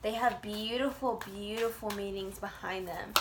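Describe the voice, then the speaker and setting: A woman's voice: medium pitch, fairly even intonation, normal speed, slight background noise. A woman reading tarot in an informal, chatty way, with blunt, colloquial phrasing and frequent swearing. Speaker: tarot reader.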